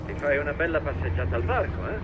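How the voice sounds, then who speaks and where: Un attore che interpreta un comandante calmo e misurato, che dà ordini via radio. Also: male voice, on the high side, lo-fi sound, over music. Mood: calm orders. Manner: calm, measured, giving orders. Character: composed male commander issuing orders by radio. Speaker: field commander. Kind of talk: video game dub acting.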